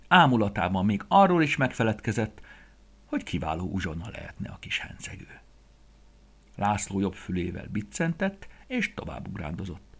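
A man reading a children's story aloud in an expressive, gentle storytelling way. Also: sits low, slightly rough.

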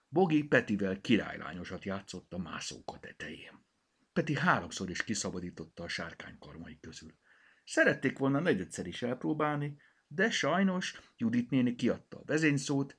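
A man narrating a children's story in a lively, expressive way. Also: fairly low pitch, husky.

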